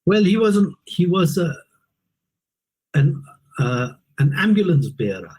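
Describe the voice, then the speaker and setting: Husky, halting man. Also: high voice, big pitch swings, a little mellow, low-quality recording. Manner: halting, deliberate, often repeating words. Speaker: interview guest explaining history and culture. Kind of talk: unscripted explanatory interview.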